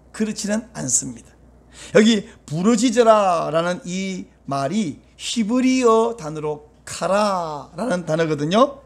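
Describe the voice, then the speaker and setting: High-voiced pastor preaching emphatically. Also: male voice. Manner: explains Hebrew words and reads scripture aloud, then urges the congregation; switches between calm teaching and raised, emphatic lines. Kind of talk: sermon.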